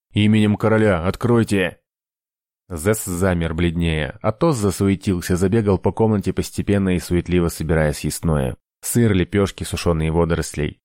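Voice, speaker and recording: A man narrating an audiobook in an even, measured reading. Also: sits low, dry recording, clean studio sound. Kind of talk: scripted narration.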